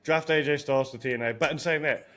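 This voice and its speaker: A man co-hosting a wrestling podcast, relaxed and conversational as he pitches ideas to his co-host. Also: fast talker. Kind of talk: casual podcast chat.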